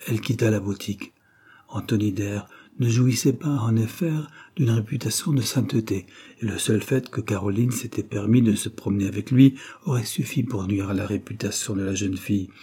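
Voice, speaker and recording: A man narrates a novel in a measured, even storytelling voice. His voice sits low with a dark, mellow tone and a husky grain. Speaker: audiobook reader. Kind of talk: scripted narration.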